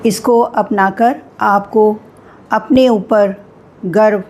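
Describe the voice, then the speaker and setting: A woman teaching a Hindi spelling lesson, slow and deliberate, spelling out sounds with pauses. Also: medium pitch, fairly even intonation, darkish tone.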